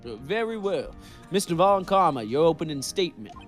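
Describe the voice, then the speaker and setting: A man's voice: fairly high pitch, sing-song, fairly quick. A man voicing a ponderous, easily swayed courtroom judge in an amateur video game read-through. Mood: formal. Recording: music behind.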